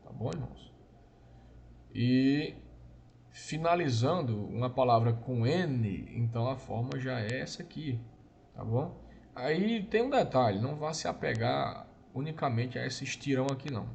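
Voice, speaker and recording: A man gives a recorded lesson at an unhurried, deliberate pace. His mid-pitched voice has a gravelly edge, and a faint hiss sits behind him. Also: expressive, a little mellow. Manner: slow, patient explaining, often adds "né?" and "irmãos". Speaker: Hebrew teacher.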